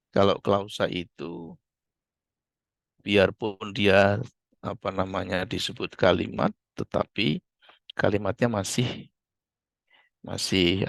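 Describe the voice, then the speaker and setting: Man, Indonesian accent, university lecturer, patient repetitive explaining, gravelly fry, dry close sound. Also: on the low side, dry recording. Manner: explains patiently, repeating key terms with many fillers. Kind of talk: online class lecture.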